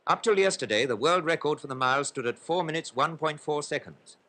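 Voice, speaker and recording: A man giving old newsreel commentary on a race, formal and brisk, with play-by-play that builds in excitement. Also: on the high side.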